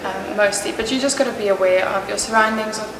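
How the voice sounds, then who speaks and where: A woman's voice: medium pitch, fast, a crowd in the background. A young woman with a South African accent, speaking casually and informatively in an interview. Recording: very echoey room, distant mic, noisy.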